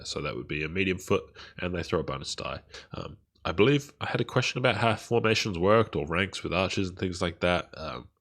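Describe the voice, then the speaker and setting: A man with a deep, gravelly voice hosts a solo podcast, his nose blocked by a cold so every word comes out nasal. He talks hesitantly, filling his pauses with ums and uhs. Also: fairly bright tone. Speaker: podcast host.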